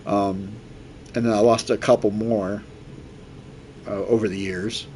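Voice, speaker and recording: A man's voice: on the low side, measured pace, slight background noise. A man in his forties chatting casually as a game streamer, rambling and retelling conversations by acting out both sides. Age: 40s. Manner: rambling, animated retelling with quoted dialogue and swearing. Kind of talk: casual chat while playing a video game.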